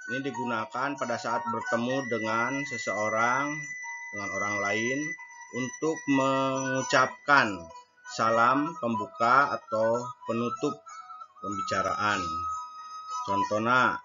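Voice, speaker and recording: A man's voice: mid-range voice, slow pace, pauses often, muffled recording, over loud music. A man teaching a recorded grammar lesson, explaining patiently and translating each point between two languages.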